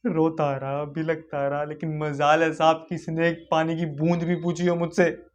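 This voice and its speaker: A man's voice: a little high, monotone, moderate pace, close to an everyday voice. An actor playing a poor young man who pleads with a sir about a childhood of hunger, in an audition monologue. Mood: grief-stricken. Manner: pleading, addressing a sir again and again.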